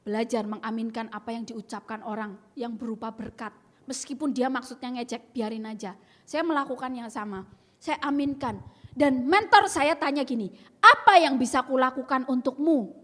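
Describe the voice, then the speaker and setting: Young adult woman, high voice, earnest emphatic testimony preacher who acts out dialogue; long hall reverb. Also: moderate pace. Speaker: speaker sharing a testimony. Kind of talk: testimony sermon.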